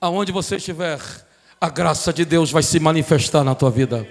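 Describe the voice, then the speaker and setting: A man's voice: a little high, normal speed, creaky. A male pastor preaching a sermon, telling stories and driving his points home with passionate force. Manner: impassioned, storytelling preacher. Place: church sanctuary. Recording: long reverb of a church hall.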